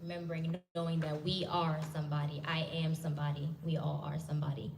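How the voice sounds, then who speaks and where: A woman's voice: low voice, little pitch movement, quick pace, creaky, darkish tone. A woman from Ghana, giving a rousing rally speech and drawing call-and-response from the crowd. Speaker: rally speaker, legal director. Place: indoor hall at a rally. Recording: echoey hall, distant mic, noisy.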